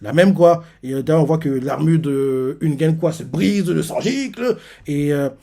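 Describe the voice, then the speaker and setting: Guy rambling through a manga recap, lots of fillers, kinda high voice. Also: normal speed, dark tone. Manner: rambling, full of fillers and "en gros". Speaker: manga reaction host. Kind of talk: casual reaction commentary.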